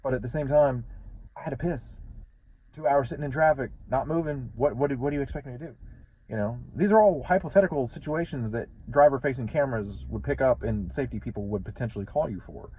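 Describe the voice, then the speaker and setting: A man's voice: mid-range voice, fast talker, dark tone, slightly rough, muffled recording. A man, a truck driver, talking casually in a rambling vlog, repeating words and swearing often.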